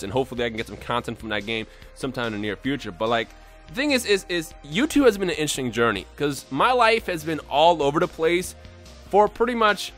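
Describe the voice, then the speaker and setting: A young man from Bosnia, a YouTuber talking unscripted to his viewers in an excitable, rambling way with lots of restarts. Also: mid-range voice. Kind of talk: unscripted casual vlog talk.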